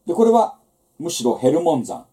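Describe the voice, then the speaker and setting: Man teaching with a lively, mellow voice. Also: fairly high pitch, a little fast. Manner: conversational teaching with rhetorical asides. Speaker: Bible lecturer. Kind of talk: church seminar lecture.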